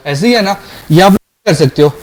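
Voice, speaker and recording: A man's voice: high voice, animated, moderate pace. A male lecturer teaching a programming class, explaining step by step and often asking the class questions to check they follow.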